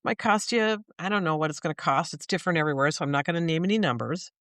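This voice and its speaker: Middle-aged woman business owner, lower pitch, talkative, lots of restarts, dry close recording. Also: animated, very fast, a bit bright, no room sound. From Minnesota. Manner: chatty, explains with examples, frequent restarts. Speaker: small business owner, guest. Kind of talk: casual interview talk.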